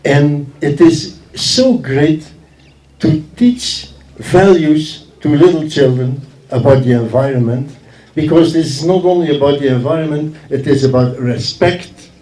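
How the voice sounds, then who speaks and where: A man representing a forestry organisation speaks as a guest at a ceremony, giving an informal, emphatic address with phrases repeated for effect. His voice is a little high yet dark in tone, and he talks unhurriedly; the recording catches it echoey and from a distance.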